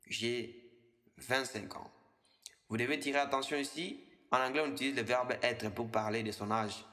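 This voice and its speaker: A man's voice: mid-range voice, fairly bright tone. Man teaching in echoey room. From DR Congo. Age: 20s. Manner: slows down and repeats the English example phrases. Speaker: English teacher. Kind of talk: language lesson explained in French. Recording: long reverb, echoey room.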